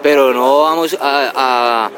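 A man from a punk band talks in a rough, slangy way, sometimes mocking others in a sing-song voice. His voice is mid-pitched and ordinary. A loud outdoor crowd rumbles behind him. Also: fairly even intonation, slow pace, rough recording. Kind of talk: casual interview answers.

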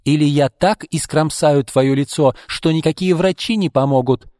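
A man's voice: mid-range voice, animated, moderate pace, a little mellow, dry recording, clean studio sound, long reverb tail, voice pushed up, close to an everyday voice. A man voicing a spiteful, jealous young woman who sneers and hisses threats. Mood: spiteful, menacing.

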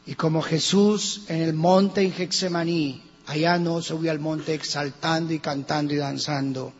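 A man with a Colombian accent preaching a sermon as pastor, swinging between hushed and loud passages. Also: fairly high pitch, steady tone, a little slow, breathy edge. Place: church hall. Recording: lo-fi church recording with long reverb and mains hum.

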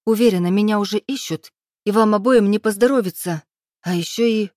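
A woman voicing a frightened but defiant young woman held captive, snapping back in shrill, indignant outbursts. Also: brisk, mellow, no echo, clean studio sound, lightly acted.

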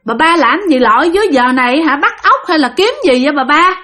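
A woman's voice: sits high, lively intonation, fast, pushed and bright, pitched above the performer's own voice. Woman voicing a young woman calling out uneasily. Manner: anxious, calling out, questioning. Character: frightened young woman egg seller.

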